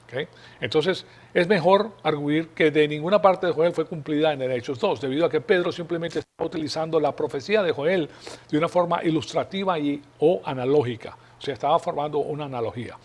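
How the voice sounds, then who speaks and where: Male preacher, fairly high voice, patient explanatory sermon delivery. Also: darkish tone. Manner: explanatory, rhetorical questions to congregation. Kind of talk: Bible teaching sermon.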